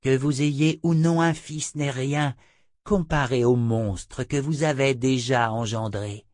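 Cold imperious old seer woman, read by a man, slow and dry. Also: medium pitch, fairly even intonation, a little mellow, no room sound, pitched above the performer's own voice, natural voice. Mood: threatening. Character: old female seer, harsh and scornful. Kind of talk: audiobook character voice.

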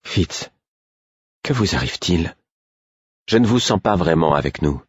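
A man's voice: low voice, expressive, unhurried, husky, no echo, full character voice. Male reader as a wry woman companion, ironic edge, close dry sound. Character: wry, concerned woman minstrel.

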